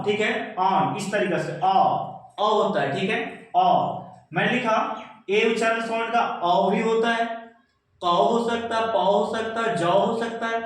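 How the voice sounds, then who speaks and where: An Indian man runs a pronunciation lesson, repeating each word and asking its meaning before answering it himself. His voice sits fairly high. He sounds distant, in a strongly echoing room. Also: a bit bright. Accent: Indian English. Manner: repetitive call-and-response drilling, asks and answers himself. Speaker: English pronunciation teacher. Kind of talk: classroom-style pronunciation lesson.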